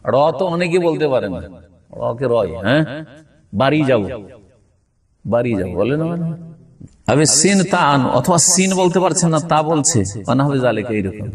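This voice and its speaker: A man's voice: mid-range voice, expressive, normal speed, distant mic. A Bangladeshi man with a Bengali accent, preaching an Islamic lesson. He recites Arabic and explains it in Bengali, often asking his listeners rhetorical questions and drawing out sounds to show how they are spoken.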